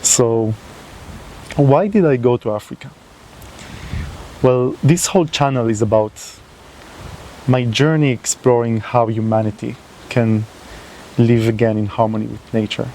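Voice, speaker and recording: A man hosts his channel in a second language, talking to the camera unscripted, hesitant and full of fillers and restarts. His mellow mid-range voice moves a little slowly with frequent pauses, on a rough recording with a little hiss or hum.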